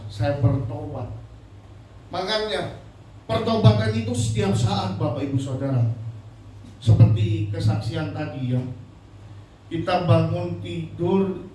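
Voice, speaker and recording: High-voiced pastor preaching in an echoey hall. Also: male voice, slow pace, pauses often, far from the mic, slight background noise. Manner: emotional preaching, swinging from loud to hushed. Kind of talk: sermon. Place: church hall. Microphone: handheld microphone.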